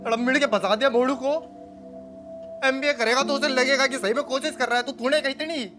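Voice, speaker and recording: A young actor playing a brash, quick-tempered small-town college student who talks bluntly in rough slang, with music underneath. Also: male voice, extremely high pitch, steady tone. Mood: accusing. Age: young adult.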